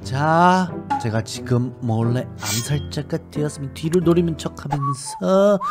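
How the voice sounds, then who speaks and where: A man's voice: on the high side, unhurried, music in the background. A man hosting a gaming channel, giving playful game commentary with jokey, mock-dramatic narration and sudden outbursts.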